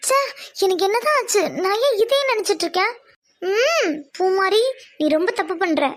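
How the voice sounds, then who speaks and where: A woman's voice: very high voice, lively intonation, moderate pace. A woman voicing a moody, lovesick teenage village girl in a cartoon, brooding and sulky. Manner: brooding, sulky, talks back. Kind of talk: cartoon voice acting.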